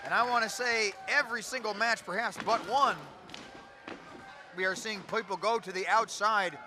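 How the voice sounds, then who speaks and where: A man calling a live pro wrestling match play-by-play with excited, dramatic delivery over a noisy venue. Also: high-pitched, moderate pace, music in the background.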